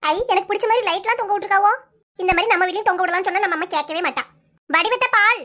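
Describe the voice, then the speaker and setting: Lady voicing a chatty young cartoon village girl, really high squeaky voice, kanyakumari tamil accent. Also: racing, bright, forceful tone, a little hiss or hum. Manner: chatty, talks to herself.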